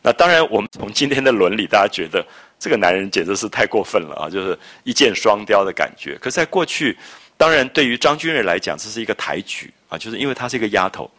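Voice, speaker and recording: A man lecturing on a classic novel, retelling scenes and explaining old phrases in a chatty, lively way. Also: fairly low pitch, quick pace. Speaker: literature lecturer. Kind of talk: storytelling literature lecture.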